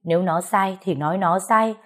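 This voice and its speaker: A woman tells a dramatic ghost story in a calm, measured reading. Her voice sits a touch low and steady as she moves from scene to scene. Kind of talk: scripted story narration.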